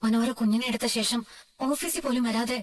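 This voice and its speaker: A woman's voice: a little high, fairly even intonation, brisk, far from the mic, natural voice. A woman voicing a worried young woman who asks earnest questions on a phone call, in an amateur drama dub.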